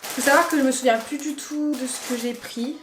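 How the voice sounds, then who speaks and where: A vlogger with a cold chats casually while unboxing and trying on clothes in a haul video, rambling and correcting herself. Her high-pitched voice is steady and fairly quick. The sound is roomy, with heavy background noise.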